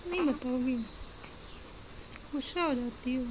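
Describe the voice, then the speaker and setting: A woman's voice: high voice, a little slow. A mother coaxing her baby in sing-song baby talk, repeating her phrases, on a noisy home recording.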